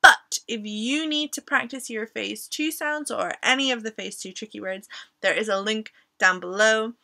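A young adult woman presenting a children's phonics lesson with exaggerated, cartoon-like intonation, sounding out words slowly and clearly. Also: fairly high pitch, pushed and bright. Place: small attic bedroom at home.

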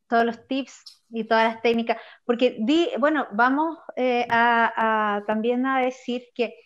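A woman chatting animatedly as co-host, restarting her words often. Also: fairly high pitch. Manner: animated, quick, stumbling restarts. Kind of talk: casual talk show conversation. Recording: slightly dull lo-fi sound.

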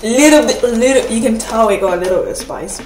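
A woman's voice: fairly high pitch, a little fast, very noisy. A woman from England reviewing snacks in a casual, chatty way while chewing a mouthful. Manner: chatty, excitable, laughs easily. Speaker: vlogger. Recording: echoey room, far from the mic. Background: music playing.

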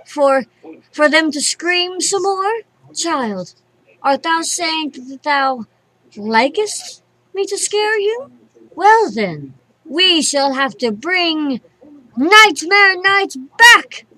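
Princess Luna, a high, imperious pony princess. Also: female voice, lively intonation, drawn-out words, bright, forceful tone, exaggerated voice, low-quality recording. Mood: puzzled, softening. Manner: formal archaic diction, royal we, declamatory. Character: regal winged moon pony princess, imperious, archaic, dramatic, awkward. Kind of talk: cartoon character voice reel.

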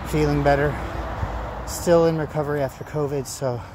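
A middle-aged man talking casually to his phone outdoors in a halting, phrase-by-phrase way, as an amateur runner making a vlog. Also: a little high, steady tone. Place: outdoors among trees. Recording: noisy outdoor ambience with traffic. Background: outdoor and vehicle noise.

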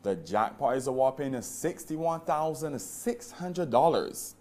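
A man's voice: medium pitch, expressive, slow pace, a little mellow. A middle-aged man presenting a televised lottery draw in a formal, emphatic announcer's delivery. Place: TV studio.

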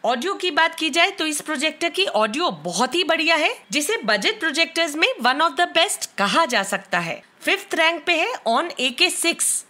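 A woman with an Indian accent reviewing tech products, explaining in a clear, matter-of-fact way. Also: sits high, animated, moderate pace, hardly any pauses, bright, forceful tone. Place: bedroom at home.

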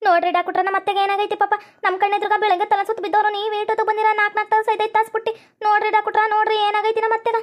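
A woman with a North Karnataka Kannada accent voices bickering cartoon women in a scolding, quarrelsome tone. She speaks extremely fast in a very high voice with a flat pitch. Her delivery is rapid and sharp-edged. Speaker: narrator voicing every female figure. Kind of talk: cartoon voice acting.

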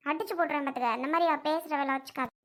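A woman's voice: high-pitched, rapid-fire, heavy background noise, close to an everyday voice. A woman playing a short-tempered young mother who argues sharply in her own defense. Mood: defensive. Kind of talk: family skit acting.

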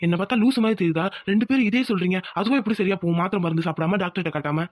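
A man's voice: high voice, rapid-fire, a little mellow, dry recording, studio quality. A man voicing a worried young village husband in a cartoon who keeps asking questions and pressing for answers. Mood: exasperated. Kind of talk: cartoon voice acting.

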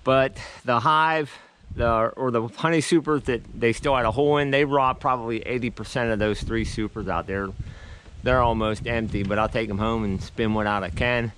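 Wearing an action camera on his head, a middle-aged beekeeper who vlogs wanders a rural building site and talks at a normal speed. His voice is medium in pitch and a bit bright, his manner easygoing and rambling with frequent restarts, and there's slight background noise.

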